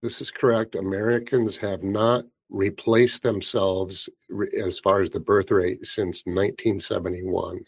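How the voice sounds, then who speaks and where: A man with a fairly low voice hosts a conversation and tells stories in an unhurried, relaxed way. The sound is dry and close, with no room echo. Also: breathy edge. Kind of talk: conversational interview.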